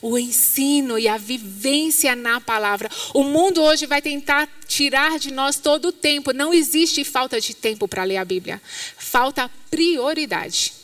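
A woman's voice: sits high, measured pace. A woman with a Brazilian Portuguese accent preaching at a church conference, telling a story and acting out the people in it. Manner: acts out quoted voices in a lively storytelling way. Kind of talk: sermon with storytelling. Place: church hall. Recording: dry sound, from somewhat far from the mic.

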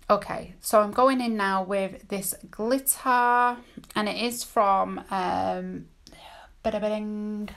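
A British woman talks through a tutorial in a casual, chatty way. Her voice sits at a middling pitch with plenty of creak. She rambles candidly and breaks off her own sentences as she goes. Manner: rambling, self-interrupting, candid. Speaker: nail technician and tutorial host. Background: dogs barking at times.

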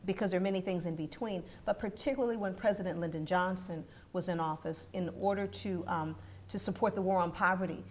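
Middle-aged woman academic, lowish voice, calm lecturing delivery, studio lapel mic. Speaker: university professor. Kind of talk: panel discussion. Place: TV studio set.

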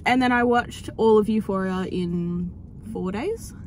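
A young Australian woman in a loose, unscripted chat, words tumbling out with restarts and casual swearing. Her voice sits at an ordinary middle pitch for a woman. A faint hiss of background noise sits under the recording. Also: unhurried. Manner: chatty, swears freely, rambles with restarts. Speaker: YouTuber host. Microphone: headset.

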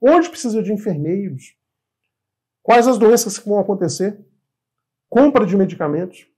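Man, 50s, from Brazil, teacher, dark tone, talks through questions himself. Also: sits high, lively intonation, moderate pace, breathy edge. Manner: conversational, asks and answers his own questions. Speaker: real estate appraisal instructor. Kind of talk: informal online lesson.

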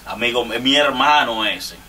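Teasing Dominican man, bright sharp voice. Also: medium pitch, moderate pace, slight background noise. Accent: Dominican Spanish. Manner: teasing, rambling, laughs often. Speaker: rapper roasting fellow artists. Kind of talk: casual joking monologue. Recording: distant mic with faint ambience.

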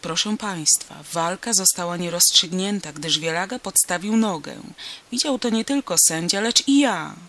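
A man's voice: sits high, normal speed, sharp tone. A narrator voicing a stern, formal jury chairman at a wrestling match in an audiobook.

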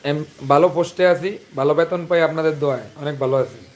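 A man's voice: fairly high pitch, quick pace, slight background noise. A man from Chandpur, Bangladesh, with a Chandpur Bengali accent, hosting a casual livestream and chatting with viewers. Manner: chatty, greets viewers and asks for comments. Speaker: livestream host. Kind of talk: casual live chat with viewers.

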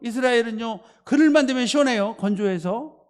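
A man preaches in a church, and his voice runs high as he tells the story with lively acting. He stops to lead the congregation in repeating phrases after him. A long reverb hangs on every word from the sanctuary. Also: fairly quick, clean tone. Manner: animated storytelling, acting out the figures' lines. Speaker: pastor. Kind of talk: sermon.

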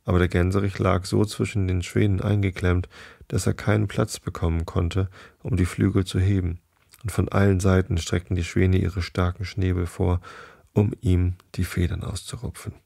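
A man hosting a podcast, reading a bedtime story aloud slowly and evenly, with small slips. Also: low-pitched, flat delivery, gravelly, warm tone, dry recording, studio quality.

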